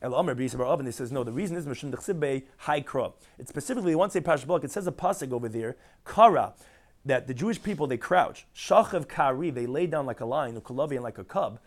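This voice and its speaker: A man's voice: mid-range voice, expressive, fast. A man teaching a daily Talmud class, explaining each term in English with rhetorical questions. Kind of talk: Talmud lecture mixing Hebrew and Aramaic terms with English explanation.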